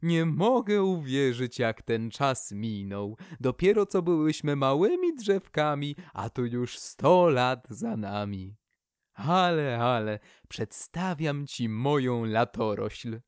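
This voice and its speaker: A man voicing a chatty, practical old female birch tree in a storybook, high and exclaiming. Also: animated, takes it slowly, darkish tone, clear, resonant tone, dry recording, clean studio sound. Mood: chatty complaining. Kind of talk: storybook character voice.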